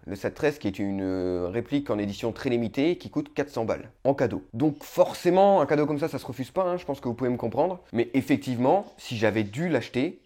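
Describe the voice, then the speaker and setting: A man's voice: mid-range voice, a little mellow. A man with a Nord-Pas-de-Calais French accent giving a casual product review, chatty and full of little fillers. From northern France. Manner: chatty, peppers sentences with "hein" and "bah". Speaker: airsoft gun reviewer. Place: home setup, voice-over.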